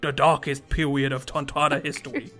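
A man's voice: mid-range voice, level tone, a little fast, sharp tone, faint music behind, close to an everyday voice. A man reading out a sorrowful old fairy-folk king's tragic history, put on in a babyish voice for a comic podcast reading. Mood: solemn storytelling. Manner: baby voice telling a tragic history. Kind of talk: comic read-aloud on a podcast.

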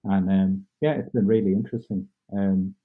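Over a tinny, phone-like line, a slightly rough, low male voice speaks at normal speed with fairly even intonation. He's an Irishman in his thirties guesting on a podcast, reflecting earnestly and thoughtfully on interview questions, his phrasing loose and full of fillers.

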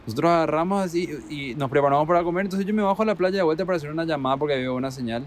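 A man telling a travel story in a casual, animated way, acting out quotes and laughing. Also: a little high, racing, slight background noise.

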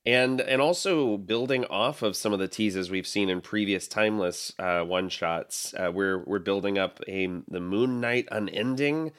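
Male co-host, lower voice, eager and a little halting, casual podcast chat. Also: fairly bright tone. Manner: enthusiastic, repeats words when starting.

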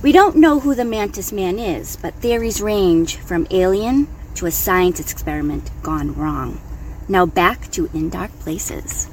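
A woman with a low voice reads a scripted news-style segment as the show's correspondent. A faint hum sits under her reading. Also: expressive, measured pace, rough recording. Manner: read from a script.

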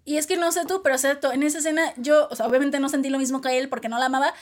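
High-voiced chatty woman. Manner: chatty, expressive, quick asides to listeners. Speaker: podcast co-host. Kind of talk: casual chat reviewing a K-drama.

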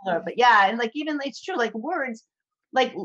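Female interview guest, lively and meandering, slightly high voice; lo-fi remote recording. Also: a little fast. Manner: animated, rambling anecdotes with fillers. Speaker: podcast guest. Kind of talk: casual conversational interview.

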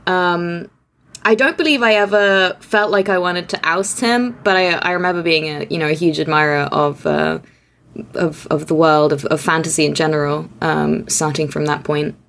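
A woman's voice: low voice, normal speed, fairly bright tone. Chatty young woman, laughing often. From Austria. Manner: chatty, self-deprecating, laughs often, many restarts. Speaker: guest, narrative designer. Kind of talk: conversational interview.

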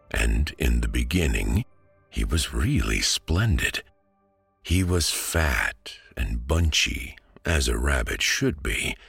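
A man with an extremely deep, husky voice reads a bedtime story to send listeners to sleep. He speaks slowly and soothingly in a hushed way, with a gravelly creak. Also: dry recording, studio quality. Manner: slow, calming, hushed delivery. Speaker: podcast host and sleep story narrator.

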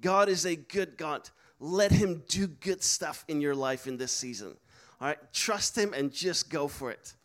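At a measured pace and fairly high pitch, a young man from the Netherlands speaks in a fairly bright tone. His talk at a missions school is upbeat and encouraging, and he calls out to the live audience.

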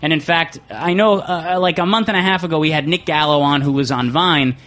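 Excitable, rambling male radio host. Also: a little high, brisk. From not from New York. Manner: excitable and rambling, restarts often. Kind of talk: casual radio chat. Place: radio studio in a restaurant.

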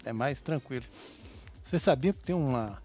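Husky laid-back co-host. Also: male voice, medium pitch, expressive, moderate pace, dark tone, faint music behind. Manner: laid-back, slangy, agreeable. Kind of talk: casual gossip chat.

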